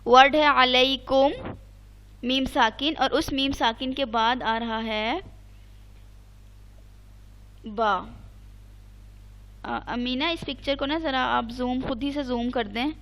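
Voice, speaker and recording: High-voiced woman teaching Quran recitation. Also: fairly even intonation, a bit bright. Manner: patient, repeats rules and checks understanding; chants Arabic examples slowly. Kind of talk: online tajweed lesson.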